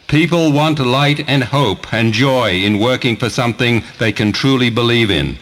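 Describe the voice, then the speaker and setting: A man's voice: on the high side, fairly bright tone. A man acting an impassioned, solemn presidential orator. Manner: ringing, emphatic oratory. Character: President Kennedy as impassioned, solemn orator rallying world leaders. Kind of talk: dramatized speech in audio story.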